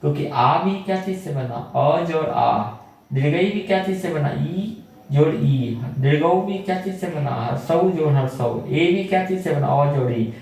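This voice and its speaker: A man's voice: on the high side, normal speed, darkish tone. Echoey, distant male teacher. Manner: asks questions and answers them himself, repeats key terms. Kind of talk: classroom lesson explaining grammar.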